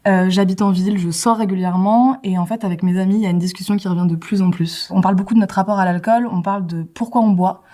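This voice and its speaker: A woman's voice: medium pitch, fairly even intonation, quick pace, hardly any pauses, warm tone. A woman in her thirties talking casually as a caller, with small hesitations as she asks for advice. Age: 30s. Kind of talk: casual testimony.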